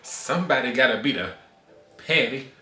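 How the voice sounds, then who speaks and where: Sassy, playful man in his thirties co-hosting casual chat, bright voice. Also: mid-range voice, lively intonation, normal speed. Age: 30s. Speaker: YouTuber, co-host. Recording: echoey room with faint music.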